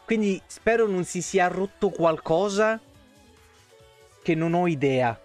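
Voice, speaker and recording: A man's voice: high voice, animated, takes it slowly. A young man with an Italian accent and a sore throat, streaming a game from home on a headset mic and chatting casually, greeting viewers by name and swearing freely. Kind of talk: casual live-stream chat. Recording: faint music behind.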